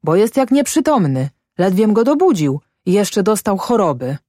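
A woman reading aloud, voicing an angry middle-aged male peasant farmer who shouts accusations. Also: medium pitch, very animated, normal speed, no room sound, studio quality, pitched above the performer's own voice. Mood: grumbling.

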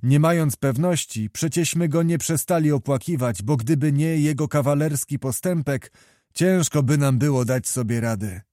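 A man voicing a blunt, rough-mannered nobleman reporting to his king, in a read-aloud historical novel. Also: fairly high pitch, moderate pace, dark tone, dry recording, studio quality, natural voice. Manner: blunt, earthy.

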